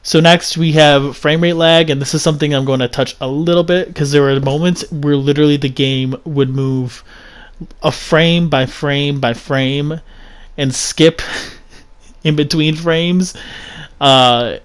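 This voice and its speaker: A man's voice: fairly high pitch, steady tone, a little slow, clean tone. A man reviewing a video game in a casual, rambling way, giving blunt opinions with frequent restarts and fillers.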